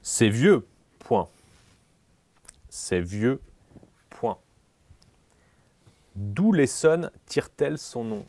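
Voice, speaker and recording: A man playing an examiner in a comic dictation sketch, slow and solemn, repeating every phrase and speaking out the punctuation. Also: mid-range voice, very animated, mellow, dry recording.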